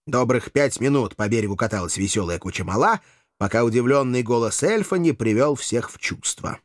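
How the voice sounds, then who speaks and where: A man's voice: mid-range voice, animated, brisk, no echo, clean studio sound. A man narrating a comic fantasy audiobook in the first person, with a wry, ironic manner.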